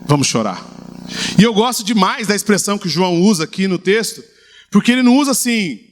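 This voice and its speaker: A high-pitched middle-aged man delivers a sermon from the pulpit. He preaches with lively humor, slipping into little acted-out exchanges to make his point. His bright, raised voice carries the playful warmth of a pastor talking to his congregation. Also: quick pace.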